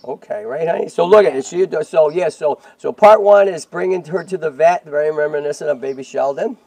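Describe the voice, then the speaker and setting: Male livestream host, rough fry-edged voice, chatty, keeps asking "right?", dry sound. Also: a little high, fairly quick, a little mellow, no room sound. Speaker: host of a tortoise rescue livestream. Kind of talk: casual livestream chat.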